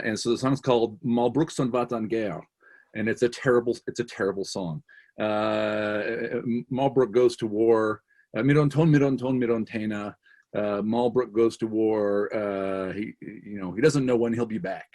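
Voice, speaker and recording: A man's voice: lowish voice, steady tone, normal speed, darkish tone. A man speaking as a guest author in casual conversation, telling a history story with lots of restarts and fillers.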